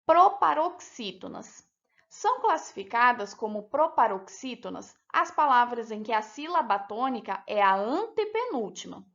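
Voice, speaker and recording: A woman teacher with a Brazilian Portuguese accent, talking children through a lesson with slow, clear, deliberate pronunciation. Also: on the high side, a bit bright. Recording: dull lo-fi sound.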